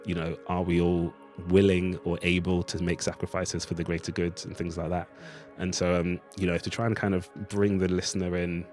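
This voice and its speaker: Soft music plays behind this radio-play writer as he answers interview questions reflectively and at length, in a conversational manner. His low voice is darkish and flat, and he talks briskly.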